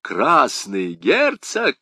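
A man reading an audiobook, voicing a boastful, hearty male musketeer who talks loudly and with indignant exclamations. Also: mid-range voice, huge pitch swings, very slow, slightly rough, no room sound, studio quality, voice pushed up, exaggerated voice. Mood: delighted.

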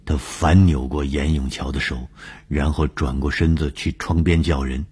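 A man narrating a broadcast story in a measured, dramatic way. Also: very deep voice, fairly even intonation, darkish tone, husky.

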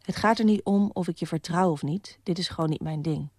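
A woman's voice: fairly low pitch, fairly quick, a little mellow, breathy edge. A woman narrating her own radio piece in the first person, wry and matter-of-fact. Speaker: radio columnist.

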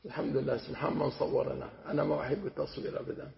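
A man's voice: medium pitch, level tone, very fast, vocal fry. A man with a Levantine Arabic accent teaching Quranic exegesis in a colloquial lesson, digressing and asking and answering his own questions. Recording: echoey hall, dull lo-fi sound.

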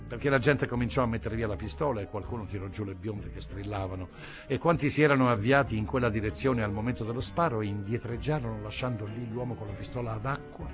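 A man reading a literary short story aloud in an expressive, dramatic manner. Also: fairly low pitch. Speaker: audiobook reader. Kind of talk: literary audiobook narration.

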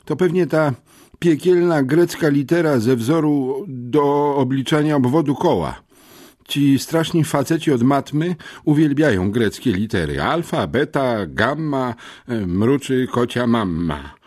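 A high, squeaky teenage muscle-boy, whiny and slow on the uptake, as a man reads him in an audiobook. The voice jumps well above a grown man's pitch and swings up and down a lot, with a husky edge. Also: animated, a little mellow. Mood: whining. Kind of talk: audiobook character voice.

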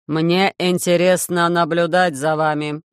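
A reader voicing a loud, harsh metallic robot ruler who speaks in slow, measured commands in an audiobook. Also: medium pitch, flat delivery, clear, resonant tone, dry recording, clean studio sound, natural voice. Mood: cold commanding. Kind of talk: audiobook reading.

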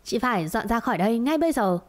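A woman's voice: fairly high pitch, animated, fast, close to an everyday voice. A woman voicing a scheming middle-aged mistress who is spiteful and coy, speaking in a sneering, fawning way in a storybook tale.

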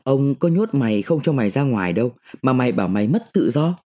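A man's voice: mid-range voice, sing-song, fast, dark tone. A male narrator voicing a blustering middle-aged mandarin husband who argues with his wife.

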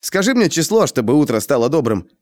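A man's voice: a little high, very animated, brisk, darkish tone, no room sound, voice pushed up. A man doing an odd, number-loving man. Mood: cheery.

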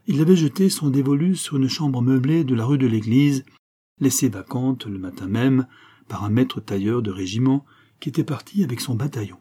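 Male audiobook narrator, steady measured reading, husky, mellow. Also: mid-range voice. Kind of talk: scripted narration.

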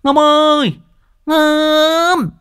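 Woman voicing Liên Ngọng, a loud lisping bully. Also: fairly high pitch, animated, normal speed. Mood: threatening. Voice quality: mispronouncing, lisping speech. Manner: bellowing, threatening. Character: loud burly bullying woman neighbor who mispronounces words.

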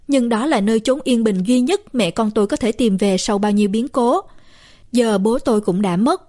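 Woman narrating a horror story. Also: a little high. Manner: measured, steady storytelling. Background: faint music.

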